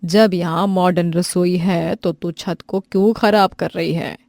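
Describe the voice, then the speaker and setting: A woman's voice: lowish voice, steady tone, a little slow, darkish tone, no room sound. A woman voicing a stern older mother-in-law who lectures plainly.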